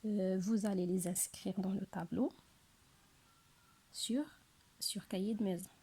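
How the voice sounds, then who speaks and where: Woman, schoolteacher, slow careful delivery, repeats words, soft half-whispers, breathy. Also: medium pitch, steady tone. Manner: slow, careful, repeats each word twice. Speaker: teacher. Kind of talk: recorded lesson for young pupils.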